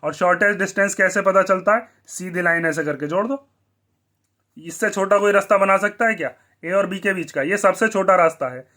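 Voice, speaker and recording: High, bright-voiced male maths teacher. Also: fairly quick. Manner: asks the class questions and answers them himself. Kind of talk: blackboard maths lesson.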